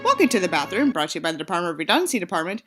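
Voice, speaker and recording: With music playing behind her, a woman reads an audiobook aloud in a lowish, sing-song voice at a very fast clip. Her delivery is theatrical, broken up by sarcastic, sweary asides on the scripted narration.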